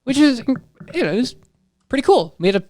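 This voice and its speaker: A man's voice: very high voice, sing-song, fast, darkish tone, no room sound, clean studio sound. A nineteen-year-old man from Wisconsin, a podcast guest who thinks aloud in a casual, rambling way with trailing asides.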